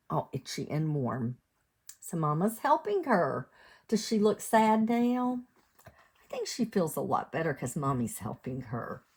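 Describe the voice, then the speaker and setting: With a lowish, slightly breathy voice, an American woman who lived in West Virginia reads a story to young children in a teacherly, sing-song style. She keeps it expressive and asks them questions along the way.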